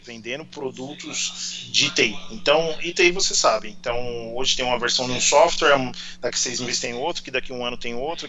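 A Brazilian man in his forties with a São Paulo accent, chatting casually as an interview guest and telling stories. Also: mid-range voice. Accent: São Paulo Portuguese. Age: 40s. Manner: chatty storyteller.

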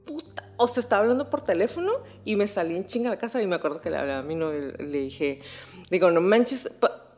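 A woman's voice: on the low side, fast. Slangy Mexican woman telling a story. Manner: slangy, animated, swears freely. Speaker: podcast host. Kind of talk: casual storytelling.

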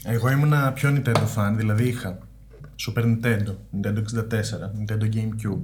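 A man's voice: lowish voice, fairly even intonation, background noise. A man co-hosting a casual podcast chat with a Greek accent, talking fondly and at ease about old video games. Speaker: podcast co-host. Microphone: headphones with studio mic.

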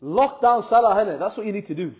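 Male, London roadman accent, high-set voice, slangy casual football banter, muffled lo-fi podcast recording. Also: expressive, fast talker, darkish tone. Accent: London, urban street style. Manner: slangy, street-style London talk.

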